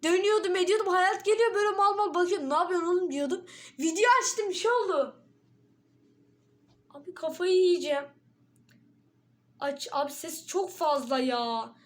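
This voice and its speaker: A woman's voice: very high voice, normal speed, pauses often. A woman giving let's play commentary on a horror game, jumpy and frightened, swearing and shrieking often. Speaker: gaming video creator.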